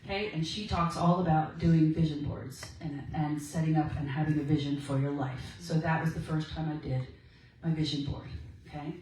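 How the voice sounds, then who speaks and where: A woman's voice: low-pitched, steady tone, normal speed, few pauses, darkish tone, distant mic, a little hiss or hum. A woman giving a personal testimony talk to a meeting, telling her story in a chatty way and acting out the quoted exchanges. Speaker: speaker at a women's ministry meeting. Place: meeting room. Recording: echoey room, voice from afar.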